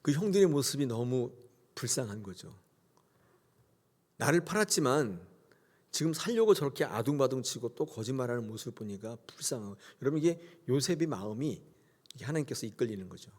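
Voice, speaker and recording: A man's voice: medium pitch, lively intonation, fairly quick, a little mellow. A man preaching a Sunday sermon as pastor, emphatic, leading the congregation to repeat after him and acting out quoted characters. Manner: acts out biblical characters in quoted voices.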